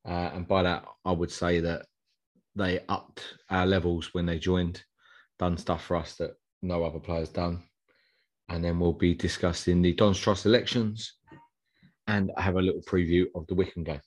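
Low-voiced Essex man, matey football chat. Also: flat delivery, normal speed. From Essex, England. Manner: colloquial, matey, slangy. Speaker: podcast co-host.

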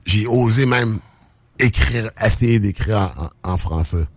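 Low-voiced Québécois man telling stories. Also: a little slow, no room sound. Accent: Québécois French. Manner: relaxed storytelling, mixing in English slang, frequent restarts. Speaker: rapper and podcast guest. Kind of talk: casual chat.

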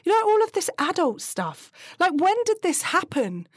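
A woman's voice: very high-pitched, sing-song, moderate pace, no room sound, clean studio sound. A British woman in her early thirties who says her R's like W's, ranting casually and comically with exasperated emphasis and swearing. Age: early 30s. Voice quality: cannot say her R's, which sound like W. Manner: exasperated, emphatic, sweary, repeating words for effect. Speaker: podcast host. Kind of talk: casual comic rant to a live audience.

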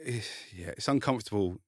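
His voice is on the low side and lively in intonation, unhurried, with clean studio sound and no room sound. The podcast guest, a content creator and author from Kent with an Essex-like south-east English accent, tells personal stories casually and self-deprecatingly, with some swearing.

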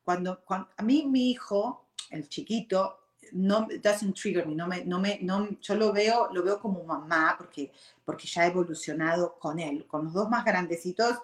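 A woman's voice: lowish voice, moderate pace. A woman in her forties with an Argentine Spanish accent, hosting a casual personal talk, often checking in with "ok?" and mixing in English words. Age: 40s. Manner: expressive, tags sentences with "¿ok?", drops in English words. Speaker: show host. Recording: roomy echo.

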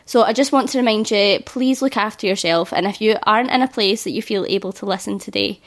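Speaking fast in a mid-range voice, this birth educator in her thirties runs a solo podcast. She comes across as earnest and reassuring, though her voice is slightly croaky from being sick.

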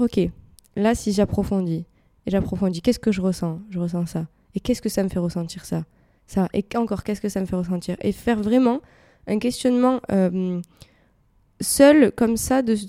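Stuffed up with a head cold, a woman podcast host rambles reflectively through a casual personal monologue full of hesitations. Her medium-pitched, warm voice has no room sound, and she's indoors in an air-conditioned room.

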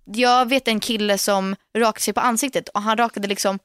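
A young woman with a mid-range voice talks frankly in a casual chat, giving practical advice with an easy confidence. She moves between Swedish and English without pause. The sound is dry and close to the mic. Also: medium pitch, fairly even intonation, fairly bright tone, smooth, no room sound. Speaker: podcast co-host.

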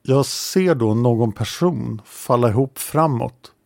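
A man reads a male eyewitness answering in short, clipped phrases. The voice is gravelly, recorded dry and close. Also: medium pitch, darkish tone, no echo, close to an everyday voice. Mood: terse. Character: male eyewitness recalling a shooting.

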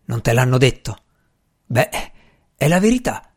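A man voicing a mad, unkempt male magician who speaks in a slow, hushed, menacing whisper. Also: medium pitch, very animated. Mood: intense.

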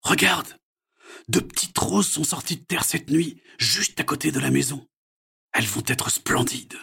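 A kind, doting father speaks gently to his daughter, as a man voices him in a storybook. His voice is breathy and husky, lifted somewhat higher than plain talk. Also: lively intonation, a little slow, full character voice. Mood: amazed. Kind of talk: storybook read-aloud.

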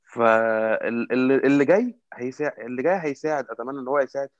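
In this informal football discussion, a fan commentator speaks with an Egyptian Arabic accent at a medium pitch. His delivery is fast yet stop-and-start, repetitive, and he frequently hunts for the right word. The recording is dry with no echo and sounds a bit muffled and lo-fi.

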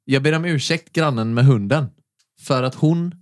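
A young adult man hosting a podcast, telling a story in casual chat, animated and swearing, acting out the people he quotes. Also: mid-range voice, no echo, clean studio sound. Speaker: podcast host.

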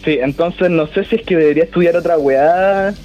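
A man's voice: a little high, fairly quick, highs cut off, soft background music. A teenage man with a Chilean accent, calling in and chatting casually in a slangy, hesitant, rambling way. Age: teens. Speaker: caller. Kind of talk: casual phone-in chat.

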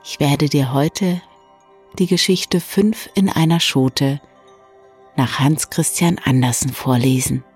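A person gently guiding an evening relaxation in a soft, hushed, soothing voice with long pauses. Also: mid-range voice, husky. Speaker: meditation guide and bedtime story reader. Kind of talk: soft, soothing guided meditation for bedtime. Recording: soft new-age music bed. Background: calm new-age music.

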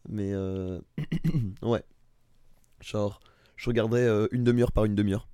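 A man co-hosting a podcast in casual chat, rambling with restarts and getting animated about comedy. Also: on the low side, measured pace, clean tone, dry recording, studio quality. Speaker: podcast co-host.

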